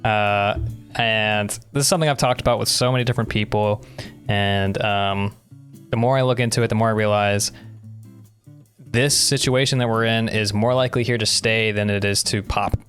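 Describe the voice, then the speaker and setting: With soft music in the background, a young man co-hosting a podcast speaks at a moderate pace, and his intonation stays fairly even. His voice is fairly low and fairly bright as he casually discusses topics and explains his opinions.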